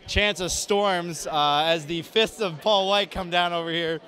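Faint music plays behind this host, a man in his thirties leading a relaxed walking tour through a big indoor convention hall with a handheld mic. He's jokey and self-deprecating, and his high, bright voice comes across as forceful, unhurried and fairly even.

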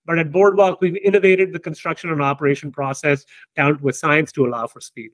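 A man, the company's founder, talking through business results in an emphatic, animated way, often checking in with "right?". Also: fairly high pitch, a little fast, dry recording. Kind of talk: casual business discussion.

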